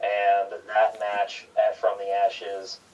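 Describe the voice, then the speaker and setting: A man co-hosting casual wrestling talk, halting and repeating his words as he goes. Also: fairly low pitch, monotone, a little mellow. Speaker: wrestling show co-host. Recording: dull lo-fi sound, distant from mic.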